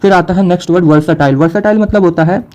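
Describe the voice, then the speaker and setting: Man, young adult, Indian English accent, Hindi vocabulary lesson, mellow warm tone, slightly high voice, slow read-out definitions. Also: poor audio. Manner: explains in Hindi, reads English definitions slowly; frequent fillers and "theek hai" checks. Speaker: exam prep teacher.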